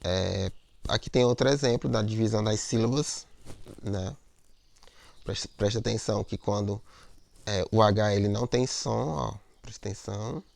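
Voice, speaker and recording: A man's voice: lowish voice, measured pace, gravelly, darkish tone. A man teaching a lesson on poetic meter, explaining step by step, repeating words, and checking in with "né?" and "ó".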